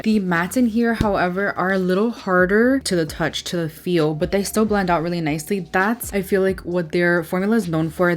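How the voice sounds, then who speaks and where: Slightly low-voiced woman, upbeat beauty vlogger. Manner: upbeat and enthusiastic. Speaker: beauty video host. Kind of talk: chatty makeup review to camera.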